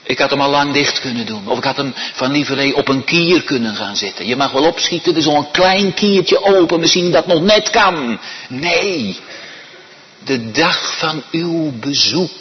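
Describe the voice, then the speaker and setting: A man preaching a sermon, swinging from loud, high appeals to hushed, almost whispered pleading. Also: lively intonation, moderate pace, highs cut off. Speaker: pastor.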